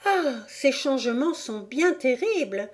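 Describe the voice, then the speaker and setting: A woman's voice: high-pitched, sing-song, takes it slowly, voice pushed up, exaggerated voice. Woman voicing an earnest little girl. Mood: musing. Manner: earnest, protesting. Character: sincere young girl, polite but protesting. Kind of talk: audiobook character voice.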